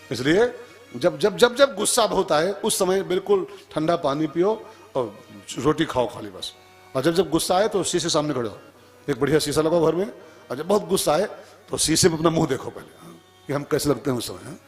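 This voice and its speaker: Animated male religious storyteller. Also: on the high side, moderate pace, soft background music. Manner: animated, humorous, acting out voices. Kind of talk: devotional sermon storytelling.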